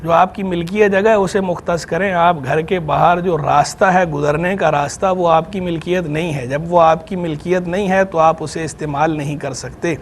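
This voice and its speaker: A man's voice: a little high, fairly even intonation, moderate pace, few pauses, slight background noise. A man with a Pakistani Urdu accent, an Islamic scholar on a TV program, explaining religious rules and grammar patiently and methodically. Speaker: Islamic scholar answering questions. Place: TV studio.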